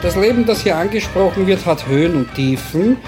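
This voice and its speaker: A man, a senior physician calmly explaining life's highs and lows. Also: brisk. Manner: calm, explaining, speeds up at times. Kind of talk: explanatory commentary. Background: faint music.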